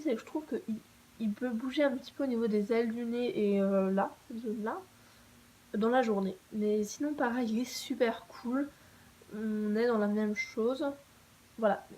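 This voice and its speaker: A woman's voice: fairly high pitch, a little mellow, low-quality recording. A young woman talking casually to camera, reviewing her favourite makeup products in a chatty, enthusiastic way with frequent fillers and restarts. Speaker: beauty vlogger.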